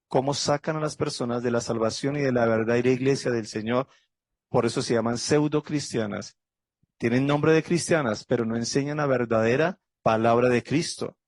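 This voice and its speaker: A man's voice: medium pitch, a little mellow, dry recording. A man pastor teaching a Bible study lecture, going methodically through dates and facts and closing with an earnest prayer. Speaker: pastor teaching a theology class.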